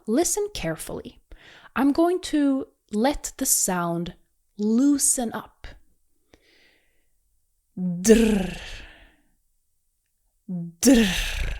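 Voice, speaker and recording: A woman's voice: sits high, darkish tone. A woman teaching pronunciation in an encouraging, reassuring way, demonstrating exaggerated rolled R sounds for learners to repeat. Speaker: language teacher. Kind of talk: pronunciation lesson with pauses to repeat.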